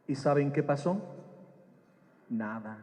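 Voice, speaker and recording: A man's voice: medium pitch, expressive, slow pace, mellow, big-room sound. A man preaching a sermon, telling personal anecdotes and asking his audience questions. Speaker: preacher and Bible teacher. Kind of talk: storytelling sermon.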